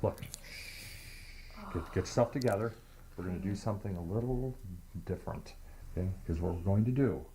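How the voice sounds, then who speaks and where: A woman's voice: extremely low pitch, brisk, long pauses, dark tone, slight background noise, rough recording. A woman playing a blunt, demanding acting teacher in a naturalistic short film, direct and coaxing.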